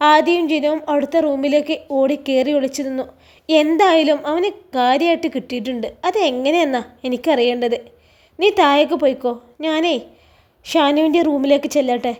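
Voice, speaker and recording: High-voiced Malappuram storyteller woman. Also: darkish tone. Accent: Malappuram Malayalam. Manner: dramatic, switches voices for characters. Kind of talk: storytelling with acted dialogue.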